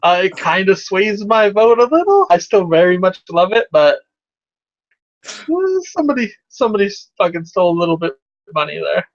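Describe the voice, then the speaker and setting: High-voiced man in casual film chat. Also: sing-song, normal speed. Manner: rambling, hesitant, laughs often. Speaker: podcast host. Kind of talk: casual movie review chat. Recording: dull lo-fi recording.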